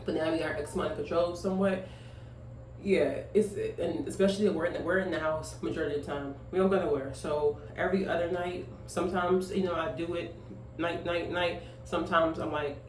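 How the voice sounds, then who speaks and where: In this vlog, a twenty-five-year-old single mother chats casually while grooming at home, rambling through fillers and emphatic asides. She speaks briskly in a lowish voice with fairly even intonation. Her voice is off-mic, the room echoes, and faint noise is present.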